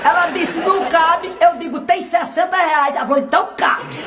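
A man tells comic stories. He delivers them loudly and with laughter, like a stage comedian. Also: extremely high pitch, normal speed, loud music behind the voice, a loud crowd. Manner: tells jokes in the first person with a loud, laughing delivery. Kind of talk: comic storytelling.

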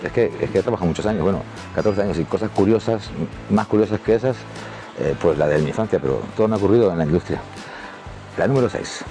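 Low-voiced Spanish man telling stories. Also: quick pace, mellow, faint music behind. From Spain. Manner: rambling, with many restarts and fillers; acts out quoted dialogue in a raised voice. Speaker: adult film actor telling anecdotes. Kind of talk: casual storytelling to camera.

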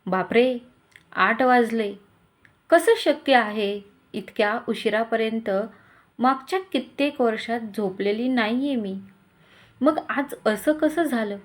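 A woman's voice: fairly high pitch, takes it slowly, long pauses. A woman voicing a flustered young wife. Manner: flustered, worried. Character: anxious young wife and mother.

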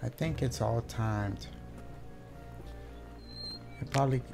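A young man streams a horror game, nervous and swearing as he talks casually to his viewers. His voice is gravelly with a lot of fry at a middling pitch, and music plays behind him. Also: takes it slowly. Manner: nervous, scared horror gamer, swearing often. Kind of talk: casual live game commentary, talking to viewers.

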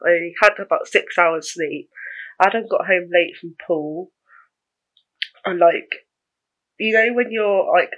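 A woman's voice: fairly low pitch, slow, pauses often, a bit bright, highs cut off. A young woman vlogging in a casual, rambling way, chatting to the camera about her day with small laughs.

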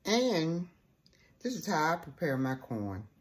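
This casual cooking demo features a woman with a deep, slow voice that swings widely in pitch. Hosting her home cooking show, she talks folksy and chatty through every step, frequently saying "okay," and the kitchen recording is noisy.

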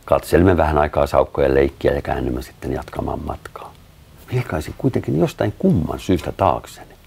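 A man narrating a children's story aloud in an expressive storytelling manner. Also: extremely low pitch, vocal fry, breathy edge. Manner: expressive storytelling with lively voiced dialogue.

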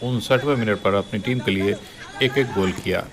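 A man's voice: lowish voice, normal speed, crowd noise. A man presenting a channel and reading a formal sports news report from an outdoor football ground. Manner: formal newsreader delivery. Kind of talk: read match report.

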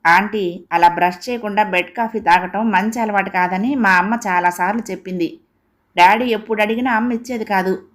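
A woman's voice: medium pitch, fairly even intonation, fairly quick, lightly acted. Woman doing a young schoolgirl, plaintive, tearful, storybook reading. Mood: pleading. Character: young schoolgirl grieving her mother.

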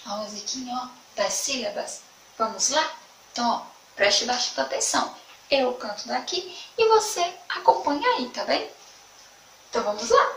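A woman teacher with a Sergipe Brazilian accent gives an online lesson to young children, speaking in a slow, sing-song way and repeating words. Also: on the high side, animated, fairly bright tone. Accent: Sergipe Brazilian Portuguese. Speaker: primary school teacher. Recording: echoey room, mic at a distance, faint background noise.

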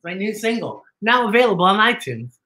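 Costume fangs slightly muddle the speech of this middle-aged drag performer as he hosts a kids' story-time show with playful, theatrical exclamations. He speaks fairly quickly in a high, pushed, bright voice with big pitch swings, over slight background noise.

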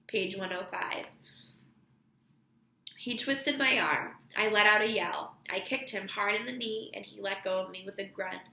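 A woman teacher reads a novel aloud to her class, steady and clear. Her voice is bright, with some gravel in it at average pitch. The room around her sounds echoey. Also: a little slow.

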